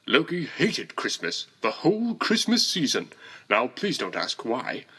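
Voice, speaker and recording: Male storyteller, playful rhymed read, lively pitch, bright slightly husky tone. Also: measured pace. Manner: playful, sing-song rhyming delivery.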